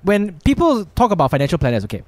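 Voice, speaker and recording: A man's voice: high-pitched, huge pitch swings, a little mellow, dry recording. Malaysian guy hosting a podcast, stop-start talker, very up and down voice, dry sound. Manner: halting, repeats words. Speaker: podcast host. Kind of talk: casual interviewing.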